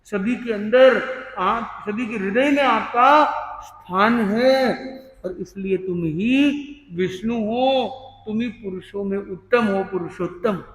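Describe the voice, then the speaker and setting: Guy leading a chanting class, breaks down each word slowly, big roomy hall echo. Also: sits high, a bit bright. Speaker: teacher of a chanting workshop. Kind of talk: teaching hymn pronunciation. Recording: echoey hall with long reverb.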